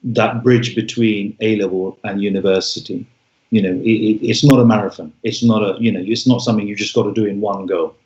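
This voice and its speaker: A man in his forties, born in Bangladesh, speaking as an interview guest in a reflective way, with frequent pauses and restarts. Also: fairly low pitch, steady tone, a little mellow. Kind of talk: interview conversation. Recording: echoey room, dull sound.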